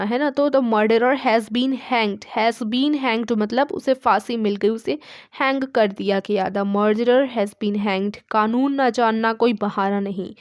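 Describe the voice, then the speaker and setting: Slow, clear woman teaching English. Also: fairly high pitch, dry recording, studio quality. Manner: says English sentences slowly after Hindi translations. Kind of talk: online language lesson.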